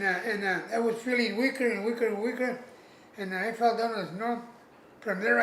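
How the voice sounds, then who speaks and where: In a high-pitched, bright and forceful voice, an elderly man past 80 recalls his wartime service for an informal interview. He's plain-spoken yet halting, going over the same points again as he pauses to search for words. The recording has a roomy echo with faint noise behind it.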